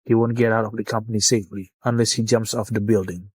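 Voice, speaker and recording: A man's voice: fairly low pitch, little pitch movement, fast, darkish tone, breathy edge, dry recording. A man dubbing a cold young company boss who gives curt orders. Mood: commanding. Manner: curt, commanding. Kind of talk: dubbed drama acting.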